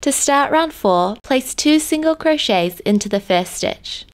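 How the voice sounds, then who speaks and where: A woman host narrating a crochet tutorial in a calm, step-by-step instructional manner. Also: high-pitched, unhurried. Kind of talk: scripted tutorial voice-over.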